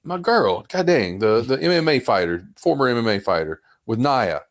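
A man's voice: mid-range voice, sing-song, moderate pace. A man co-hosting a podcast, chatting casually about wrestling in a laid-back, rambling way. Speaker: podcast co-host.

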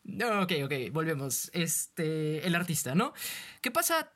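A man narrating as the writer of an audio story, calm and teasingly amused. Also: on the high side, slow pace.

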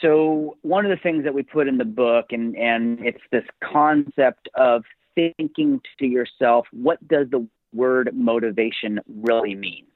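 A male author telling stories with a motivational speaker's emphasis, his voice at a middle pitch. He sounds thin and phone-like, dry with no room around it. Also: measured pace, no room sound. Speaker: author and podcast guest. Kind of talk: podcast interview. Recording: tinny phone-like line.

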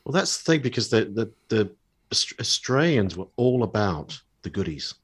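Low husky kiwi-raised guy, hesitant casual chat, lots of ums. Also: very animated, normal speed. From New Zealand. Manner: hesitant, many ums and restarts. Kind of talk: casual chat about old comedy.

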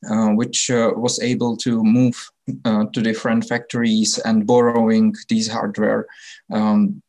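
A man of about thirty with a Czech accent speaks in a slightly low voice. He explains himself as an interview guest in non-native phrasing, halting often as he searches for the next word. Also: a little mellow. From Czech Republic. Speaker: interview guest, technology innovator. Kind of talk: unscripted explanatory interview talk.

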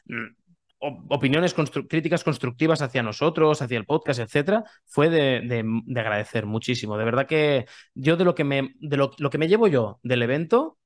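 A man co-hosting a casual podcast, chatting loosely and pitching the show with self-aware humor. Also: lively intonation, moderate pace. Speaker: podcast co-host.

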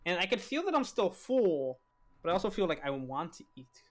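A man's voice: high voice, very animated, fairly quick, faint music behind. A young man in a casual group chat, rambling through stories.

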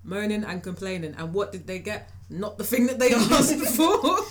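Female co-host, mid pitch, very lively delivery, chatty storyteller. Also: normal speed, over a noisy crowd. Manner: expressive, storytelling, laughs. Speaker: podcast co-host. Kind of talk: casual chat.

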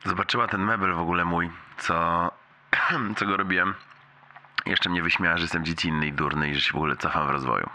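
A man's voice: sits low, steady tone, brisk, bright, forceful tone. A man leaving a long, rambling voicemail for a friend, self-deprecating and full of restarts.

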